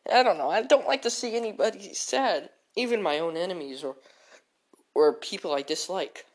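A woman's voice: on the low side, animated, moderate pace, voice pushed down. A woman voicing a meek, hesitant boy who stammers in a homemade comedy skit. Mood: glum.

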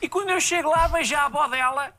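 High, bright-voiced man spinning a slangy tale. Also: fast talker. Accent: European Portuguese. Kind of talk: slangy comic storytelling.

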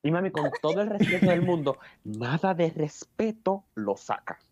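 Animated young man telling a story. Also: a little high, moderate pace, background noise. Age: young adult. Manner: animated storyteller, acts out quotes. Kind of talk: casual chat, storytelling.

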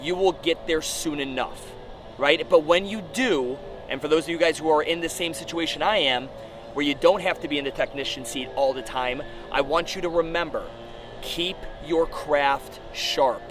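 Higher-voiced blunt guy talking on a rooftop. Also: moderate pace, over music. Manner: profane, blunt, informal coaching talk. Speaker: gym owner and podcast host. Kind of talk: casual podcast monologue. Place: outdoors on an urban rooftop. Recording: outdoor urban noise with traffic.

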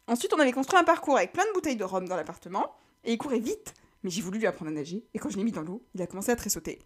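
A woman voicing a childish young man, shrill, wailing, excitable, storybook reading. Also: racing. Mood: tearful.

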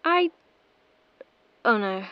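A woman's voice: on the high side, very animated, very slow, clean tone, exaggerated voice. A woman playing an impulsive young woman who answers in short, clipped lines. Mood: tense. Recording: lo-fi dull sound.

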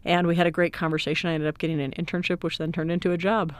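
Upbeat woman guest, smooth dry voice. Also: fairly low pitch, level tone, racing, dry recording. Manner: upbeat, laughs easily, explains at length. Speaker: guest, IT director. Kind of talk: casual interview conversation.

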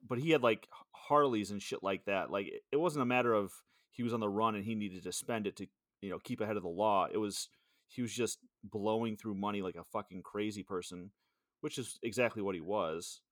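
A man's voice: lowish voice, fairly quick, no echo, studio quality. A man co-hosting a podcast in casual chat, swearing often and rambling through restarts. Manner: profane, rambling with frequent restarts.

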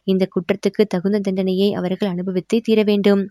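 A woman's voice: medium pitch, flat delivery, warm tone, dry recording, studio quality, lightly acted. A woman reading as a stately emperor. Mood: regal. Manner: formal, measured royal speech. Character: stately middle-aged male emperor, gracious and resolute.

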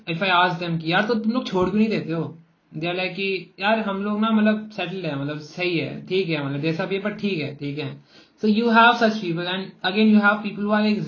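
A man's voice: a little high, a bit bright. A young man with an Indian accent chatting casually as a podcast co-host, informal and slangy, switching between Hindi and English. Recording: echoey room, dull lo-fi sound.

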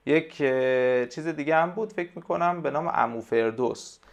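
A man, a language tutor, talking casually in an interview and explaining things hesitantly with many pauses and fillers. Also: on the high side, gravelly. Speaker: language tutor, podcast guest.

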